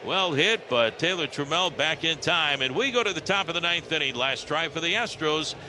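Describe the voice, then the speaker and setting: An American radio announcer calls baseball play-by-play live, his slightly high voice animated and moderately paced. The broadcast carries clear background noise.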